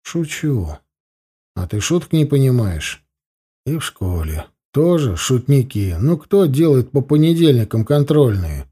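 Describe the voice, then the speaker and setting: Man doing wry teenage hero, restless, lively intonation, warm husky voice. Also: mid-range voice. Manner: wry, fast talking when pleading. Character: teenage boy with an adult's mind, wry and restless.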